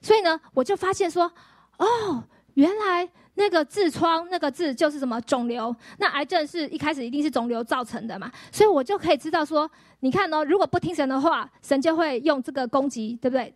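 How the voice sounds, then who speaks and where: A woman pastor, giving a lively healing testimony sermon full of acted-out quotes and rhetorical questions. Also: high-pitched, fast, hardly any pauses, no echo, studio quality.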